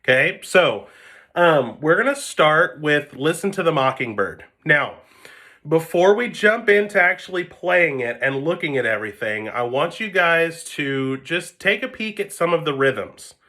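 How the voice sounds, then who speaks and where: A music teacher sits at home with a whiteboard, giving an online string lesson filmed on a phone camera. His voice is on the high side, a little slow and sharp, with big pitch swings, and he patiently checks in by saying "okay?" again and again.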